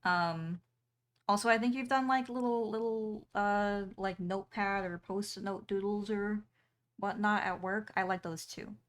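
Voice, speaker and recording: A woman's voice: mid-range voice, fairly even intonation, measured pace, fairly bright tone. A young woman streamer chatting casually with her viewers while she draws, with frequent ums and small laughs. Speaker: streamer and artist.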